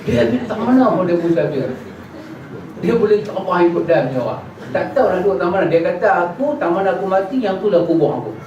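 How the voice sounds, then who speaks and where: A man giving a religious lesson in a prayer hall and answering questions, acting out little dialogues in a casual, lively way. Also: sits high, fast. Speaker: religious teacher. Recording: echoey hall, distant mic, dull, noisy.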